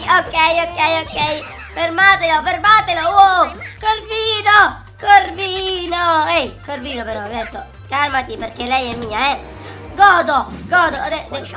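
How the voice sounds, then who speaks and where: A man voicing an excitable, dramatic little boy who squeals, shouts and sings out, in a gaming reaction video with game music behind. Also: very high-pitched. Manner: squealing, shouting and sing-song outbursts. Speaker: YouTuber.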